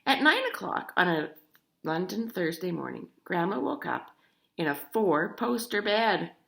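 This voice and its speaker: A woman with a lowish voice and vocal fry reads a children's picture book a little slowly. Her expressive, animated reading includes questions directed at the young listeners.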